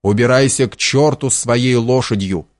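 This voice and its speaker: A man voicing a gruff stern forester. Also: mid-range voice, moderate pace, close to an everyday voice. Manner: curt, gruff. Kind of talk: audiobook character reading.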